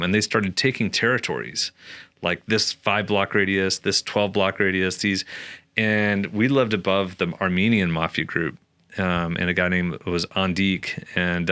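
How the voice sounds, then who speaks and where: Brief: very low, resonant male guest, dry close sound, chatty storyteller who restarts his sentences. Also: no room sound. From Oklahoma, USA. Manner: animated, many restarts and fillers. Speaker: author and guest. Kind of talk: conversational storytelling interview.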